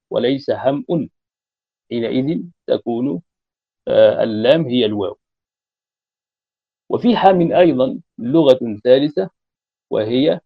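A man teaching a grammar lesson, explaining each point deliberately with frequent drawn-out fillers, on a dull lo-fi recording. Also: medium pitch, gravelly. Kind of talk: explaining Arabic grammar in a lecture.

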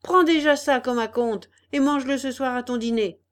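A woman's voice: high-pitched, moderate pace, clean tone, natural voice. A woman voicing a rowdy gang of schoolboy bullies who jeer and threaten, in a storybook reading. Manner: loud threatening jeers.

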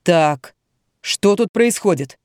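A woman's voice: lowish voice, expressive, takes it slowly, a little mellow, no echo, clean studio sound. A woman voicing a puzzled middle-aged husband who keeps demanding explanations. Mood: bewildered. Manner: bewildered and demanding.

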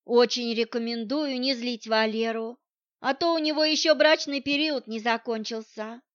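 A woman's voice: fairly high pitch, steady tone, moderate pace, no room sound, close to an everyday voice. A woman voicing a stern, curt woman who lives alone in the forest, in an audiobook. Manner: curt, commanding. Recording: dull, dry audiobook recording.

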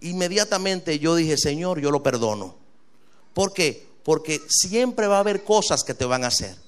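A male pastor, preaching a sermon with lively, rising delivery and quick asides. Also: high voice, clear, resonant tone.

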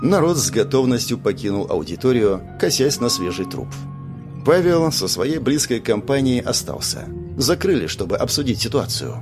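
A man narrating an audiobook and voicing the characters in a lively way. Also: normal speed, music in the background. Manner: lively, shifts pitch for characters.

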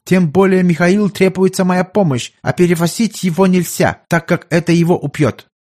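A man's voice: high-pitched, moderate pace, a little mellow, pitched above the performer's own voice. A man voicing an earnest middle-aged court doctor who pleads respectfully with his monarch, in an audiobook.

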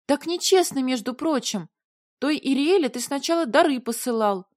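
A flustered young heroine chatters in a high, squeaky, whiny voice, put on by a woman reading the audiobook. The voice is close and dry. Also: animated, normal speed, darkish tone, dry recording. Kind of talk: audiobook character voice.

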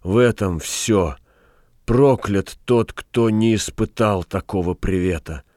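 A man reading a storybook voices a delirious prisoner condemned to die, speaking slowly and softly. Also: fairly low pitch, dry recording, studio quality. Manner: slow, dreamy and hushed. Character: condemned young man, feverish, delirious, tender.

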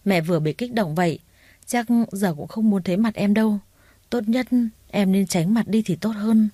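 A woman's voice: medium pitch, moderate pace, mellow, no echo, natural voice. A woman voicing a defiant young female student who petulantly talks back to her family, in a narrated story. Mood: subdued.

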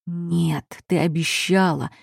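A woman voicing a grief-crazed middle-aged nobleman father who shouts, accuses and threatens. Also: on the low side, fairly even intonation, takes it slowly, creaky, breathy edge, no echo, studio quality, full character voice. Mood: accusing.

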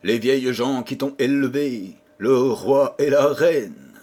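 A man voicing a gentle fairy queen. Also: medium pitch, slow pace, husky. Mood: tender, coaxing. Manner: soft, tender, coaxing.

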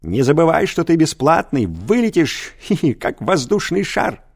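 A man voicing a plump, red-haired, spiteful male schoolteacher who titters with a high laugh through his words, in an audiobook. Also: very animated, a little slow, creaky, mellow, heavily acted. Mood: shrieking angry.

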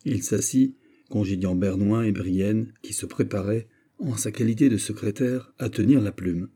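Un homme qui lit un roman à voix haute, narration posée. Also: male voice, on the low side, normal speed, warm tone, slightly rough. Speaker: lecteur de livre audio. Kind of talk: lecture d'un roman.

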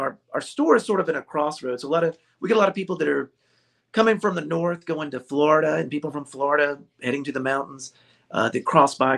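A man's voice: a little high, creaky, fairly bright tone. A man who owns a ukulele store, chatting casually in an interview, joking and laughing often. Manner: jokey, laughs often, rambling.

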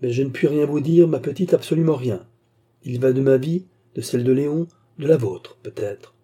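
A man doing a deceitful kidnapper, falsely polite, insistent, dark husky voice. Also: mid-range voice, normal speed, voice pushed up, close to an everyday voice. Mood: insistent, falsely kind.

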